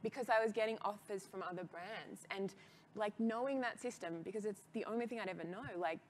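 A chatty Australian woman in her thirties, mid-pitched and full of quick asides and laughs. She talks loosely, as a guest in a relaxed interview. A faint hiss sits under her voice. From rural Australia. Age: 30s. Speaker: guest, DJ and label founder. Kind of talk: casual conversational interview.

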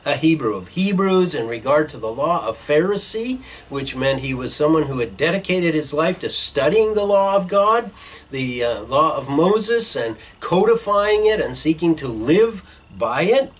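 Husky-voiced middle-aged pastor preaching. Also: male voice, fairly high pitch, animated, moderate pace, rough recording. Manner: earnest teaching tone with frequent uh fillers, gesturing with hands. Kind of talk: sermon. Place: small church office with bookshelves, indoors.

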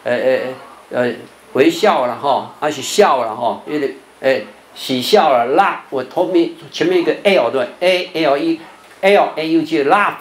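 An older man lectures as a Buddhist monk. His voice sits somewhat high, and he explains things patiently, often ending phrases with a drawn-out "哦". The recording sounds roomy and echoey, with faint noise underneath. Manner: patient explaining, sentence-final "哦" particles, drawn-out demo sounds. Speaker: Buddhist monk teaching English pronunciation. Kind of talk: televised lecture.

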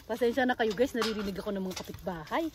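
A woman's voice: fairly high pitch, huge pitch swings, a little fast, a crowd in the background. A woman from the Philippines vlogging on a farm, talking playfully and laughing often while out of breath from sawing branches. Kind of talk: casual vlog narration while working. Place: farm orchard outdoors.

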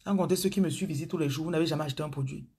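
A woman's voice: deep voice, rapid-fire, mellow, husky. A woman with a Cameroonian accent preaching on a live stream, chatting with viewers by name and often dropping into murmurs and whispers. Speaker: spiritual coach on a live stream. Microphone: phone.

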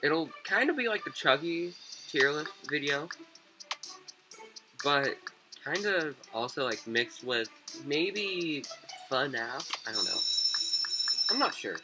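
Excitable man narrating a game playthrough. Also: fairly high pitch, takes it slowly, pauses often, low-quality recording. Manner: casual, rambling, sudden excited yelps at the game. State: voice a little rough from being sick. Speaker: gaming video creator. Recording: game music under the voice. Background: game music.

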